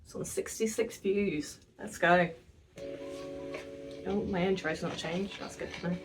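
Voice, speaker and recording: A nineteen-year-old woman, chatting casually in a vlog, self-mocking and quick to laugh. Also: on the low side, distant mic, very noisy. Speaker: vlogger.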